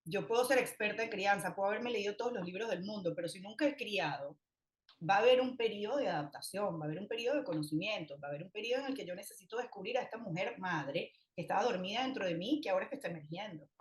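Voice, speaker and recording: A woman talking calmly in a podcast conversation, explaining parenting ideas and acting out what parents say. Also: medium pitch, fast. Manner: calm, explanatory, acts out parent voices. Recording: roomy echo.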